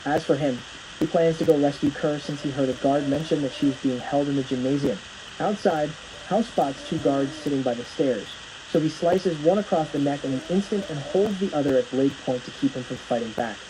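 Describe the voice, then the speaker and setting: A man's voice: fairly high pitch, fairly quick, background noise. A man narrating a plot recap from a script, telling the story as it unfolds.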